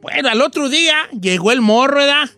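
A man's voice: very high voice, expressive, brisk, sharp tone, no echo, soft background music. A man with a Mexican accent hosting a morning radio show, telling a folksy joke story full of slang and asides to the listeners.

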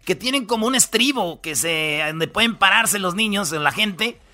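A man's voice: sits high, expressive, moderate pace, pushed and bright. A man with a Mexican accent hosting a radio comedy show, telling news stories in casual slangy banter full of fillers. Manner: slangy, storytelling, lots of fillers.

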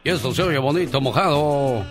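This Mexican-accented radio host speaks at a normal pace in a mid-range voice over music. Reading messages from listeners, he keeps up comic banter, teasing and joking as an animated storyteller.

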